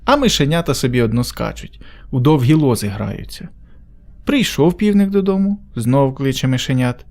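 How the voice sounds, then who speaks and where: A man reading a folk tale aloud as a storyteller, in an animated, expressive way. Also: medium pitch, normal speed.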